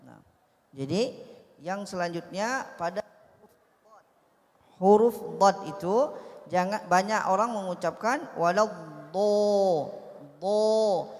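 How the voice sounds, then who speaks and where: Brief: male recitation teacher, very slow delivery, hall echo. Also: sits high. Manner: slow, explanatory, repeats key points. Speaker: translator and teacher. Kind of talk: tajwid lesson. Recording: long hall reverb.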